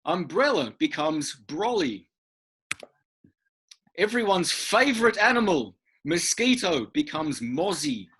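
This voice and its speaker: A man's voice: on the high side, very animated, takes it slowly, fairly bright tone, slight background noise. A man teaching an online workshop, patiently explaining and repeating words for emphasis, heard over a video call. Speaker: English teacher.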